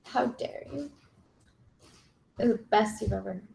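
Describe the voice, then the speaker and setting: A woman's voice: mid-range voice, a little slow, creaky, darkish tone, a little hiss or hum. A woman playing a tabletop game, eager and full of questions. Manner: eager, asks lots of questions. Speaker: player. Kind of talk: casual tabletop play. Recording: roomy echo.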